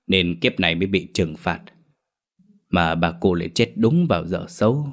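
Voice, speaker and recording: A man voicing a sly, self-important old male shaman who drawls with hesitant ums. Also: sits low. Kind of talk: storybook character voice.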